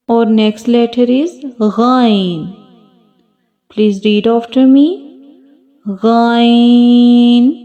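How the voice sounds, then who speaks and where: A woman teaching a slow alphabet lesson for children, deliberately repeating each sound for pupils to copy. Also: medium pitch, narrow, tinny audio. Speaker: Quran teacher.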